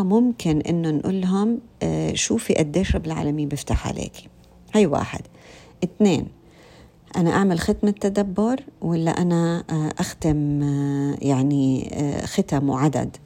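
Low-voiced Levantine woman giving a religious talk. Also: dark tone. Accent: Levantine Arabic. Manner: conversational, many fillers and restarts, addresses listeners directly. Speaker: religious speaker.

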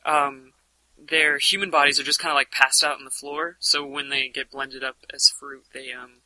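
A man chatting casually on a podcast, halting with many fillers. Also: mid-range voice, flat delivery, sharp tone, rough recording. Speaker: podcast co-host. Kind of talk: casual chat.

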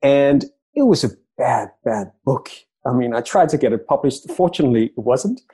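A man's voice: medium pitch, big pitch swings, moderate pace, mellow, slightly rough. A middle-aged man with a Danish accent, an author telling stories in an interview, often repeating words as he starts a sentence. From Denmark. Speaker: author guest. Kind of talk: conversational storytelling interview.

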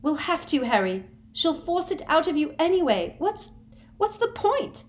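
A frightened teenage schoolgirl witch pleading in a high, tearful, jumpy voice, as a woman reads her aloud. She sounds close to sobbing and strained. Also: sing-song, moderate pace.

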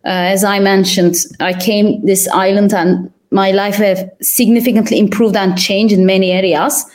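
Young adult woman from Turkey, interview guest; unhurried, reflective answers broken by fillers. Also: mid-range voice, flat delivery, darkish tone. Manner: thoughtful, pauses with frequent fillers. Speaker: podcast guest.

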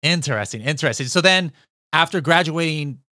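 A man hosting a podcast in casual interview chat, upbeat and quick with follow-up questions. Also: on the high side, pushed and bright, dry recording, studio quality. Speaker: podcast host.

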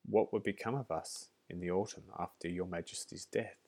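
A chorus of loyal worker bees from a storybook, respectful and earnest, as a man reads their lines. The voice is deep and low. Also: steady tone, moderate pace, darkish tone.

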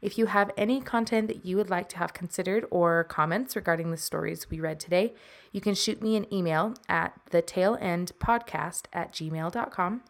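A woman with a low voice and a gravelly fry narrates a spooky short story. Her reading is even and measured, and she takes a friendly tone as podcast host.

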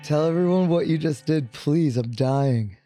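A man's voice: fairly high pitch, measured pace, mellow, faint music behind. A man hosting a podcast in casual chat, playful and jokey, his voice worn out. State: lost his voice. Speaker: podcast host.

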